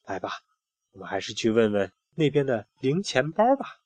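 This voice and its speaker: A man voicing a kindly companion who speaks softly and reassuringly. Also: mid-range voice, big pitch swings, normal speed, slightly rough, no room sound. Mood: gentle. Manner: soft, reassuring. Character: gentle kindly companion creature.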